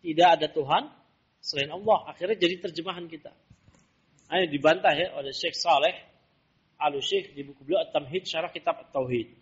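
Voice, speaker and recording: Husky high-voiced man teaching a class. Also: fairly quick. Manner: quizzing students with rhetorical questions. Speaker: Islamic teacher. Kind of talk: classroom religious lesson. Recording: dull lo-fi lesson recording.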